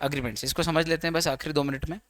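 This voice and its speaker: A man's voice: a little high, fairly even intonation, rapid-fire, a bit bright, no echo. A man teaching law in an exam-prep lecture, chatty and teasing, slipping English terms into his explanations.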